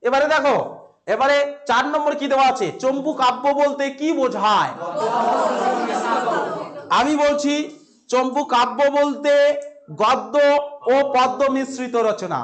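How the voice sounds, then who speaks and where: In a filmed exam-prep lesson, a male teacher with a West Bengal Bengali accent and a strikingly high, fairly bright voice speaks a little slowly, pausing often. He peppers his students with questions and repeats each answer so they remember it, keeping things light with playful asides while a faint crowd is audible.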